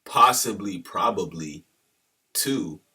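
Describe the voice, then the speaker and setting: A man's voice: deep voice, lively intonation, slow, pushed and bright, husky, recorded from a distance. A man talking casually to the camera in a loose, slangy monologue that drifts off on tangents. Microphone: camera held at a distance.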